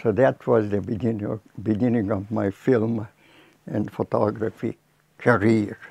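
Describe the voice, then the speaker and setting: A man in his nineties from Lithuania with a Lithuanian accent, telling his life story haltingly with many restarts, seated in a cluttered workshop. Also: fairly low pitch, fairly even intonation, vocal fry, a little mellow, slightly rough, no room sound, muffled recording. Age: 90s. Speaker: filmmaker recounting his life. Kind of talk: reflective storytelling. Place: cluttered workshop indoors, small room.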